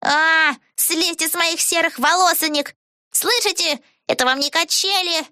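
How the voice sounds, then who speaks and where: A woman's voice: very high voice, a little slow, bright, forceful tone, no room sound, studio quality, voice pushed up, exaggerated voice. A woman reading a storybook aloud and voicing a grumpy, cranky old witch. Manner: grumbling, cranky.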